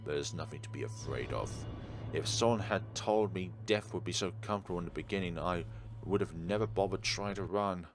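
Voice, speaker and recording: Reading a visual novel fairly quickly in a deep voice, a let's player performs the text theatrically and throws in his own reactions and casual commentary. Faint music sits behind him in a clearly noisy background.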